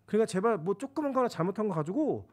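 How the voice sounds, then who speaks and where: A man's voice: high-pitched, big pitch swings, fast. A male pastor giving a sermon in a conversational style, often acting out the voices of the people in his stories. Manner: conversational preaching, acts out quoted voices. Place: church sanctuary.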